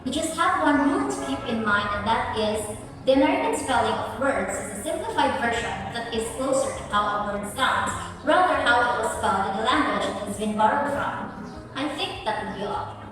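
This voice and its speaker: A woman's voice: a little high, animated, moderate pace, very echoey, long reverb tail, far from the mic, music in the background, poor audio. A woman giving a class presentation, reading out spelling rules and spelling words letter by letter. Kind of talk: read-aloud class presentation.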